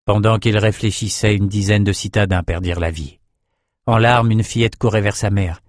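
A man reading fantasy narration for an audiobook in a steady, measured way. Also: fairly low pitch, dry recording, clean studio sound.

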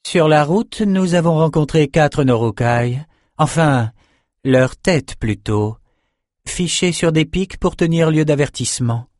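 Nietzsche, a man voicing a sharp-tongued warrior woman. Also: fairly high pitch, animated, a little slow, no echo, clean studio sound, voice pushed up. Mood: cutting. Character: sharp-tongued young female warrior, cool.

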